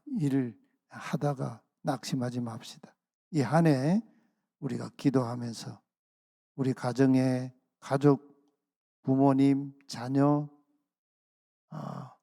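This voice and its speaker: Male pastor, sermon voice, gravelly, dry close sound, earnest with slowed emphasis. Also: medium pitch, warm tone, no echo. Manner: earnest preaching, slows and stresses key phrases. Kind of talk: sermon at a dawn prayer service. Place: church sanctuary.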